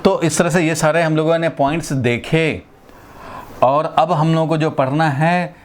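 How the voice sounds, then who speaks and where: Man from India, physics teacher, classroom lecture, step-by-step explaining, fairly high voice. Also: fairly even intonation, measured pace, a little hiss or hum. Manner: explains step by step, repeats phrases, checks in with students.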